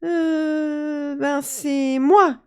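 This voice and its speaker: Une petite fée de conte pour enfants, jouée par une conteuse, la voix perchée tout en haut et perçante. Elle est joueuse mais se vexe vite, et elle couine dès qu'elle a mal. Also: female voice, steady tone, extremely slow, exaggerated voice. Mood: whining. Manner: very high, squealing. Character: tiny playful girl fairy, touchy, shrill when hurt.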